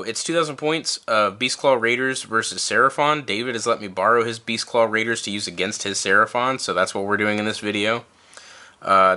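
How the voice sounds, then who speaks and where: A man's voice: fairly low pitch, pushed and bright. A man hosting a tabletop wargaming channel, chatting casually and informally to his viewers. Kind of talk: casual vlog talk to camera.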